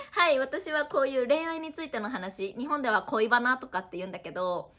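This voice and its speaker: Chatty young Japanese teacher, high voice. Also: female voice, pushed and bright. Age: 20s. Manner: chatty and friendly, explains slowly with examples. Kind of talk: casual podcast talk to learners. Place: indoors at her family home.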